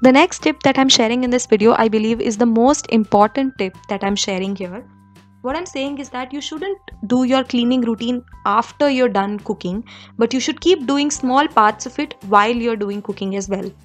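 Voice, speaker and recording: A woman's voice: fairly high pitch, moderate pace, soft background music. A young woman from India giving kitchen cleaning tips in a conversational voice-over, with frequent fillers and restarts. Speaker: home vlogger.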